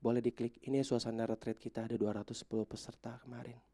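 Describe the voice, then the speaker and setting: A male pastor preaching a sermon to a church congregation, turning from quiet, chatty asides to shouted high climaxes, asking the listeners questions and slipping into casual slang. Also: little pitch movement, fast talker. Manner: addresses the congregation directly with questions; mixes in casual slang and English words. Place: church service.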